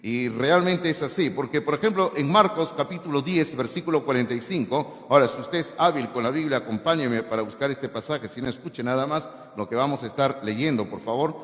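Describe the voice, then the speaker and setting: A male pastor preaching a sermon emphatically in a church, often pausing on "eh" and calling for amens. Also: mid-range voice, a bit bright. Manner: emphatic, calls on the congregation for amens; frequent "eh" fillers. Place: church sanctuary. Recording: reverberant church hall.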